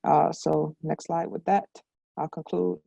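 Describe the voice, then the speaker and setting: A woman's voice: low-pitched, flat delivery, a little slow, gravelly, mellow, no room sound. A young woman researcher giving a semi-formal scientific presentation on a video call.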